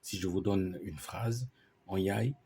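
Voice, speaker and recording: A man gives a language lesson at a slow, unhurried pace. His voice sits a little low and sounds mellow and slightly husky. He explains each word patiently and spells it out letter by letter. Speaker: language teacher.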